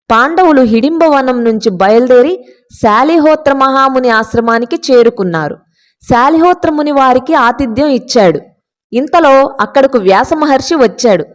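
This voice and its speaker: A woman narrating a mythological story in a steady, engaging way, inviting listeners along. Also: on the high side.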